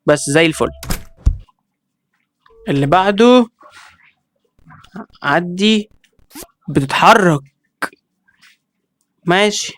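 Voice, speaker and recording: A man with an Egyptian accent giving excitable let's-play commentary, reacting with quick exclamations and talking straight to his viewers. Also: high-pitched. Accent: Egyptian Arabic. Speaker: gaming video creator.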